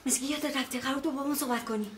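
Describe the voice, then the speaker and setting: A woman's voice: high-pitched, slight background noise, close to an everyday voice. Actress as a teasing, demanding young woman. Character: sharp-tongued young woman pressing her boyfriend. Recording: TV series audio with music score.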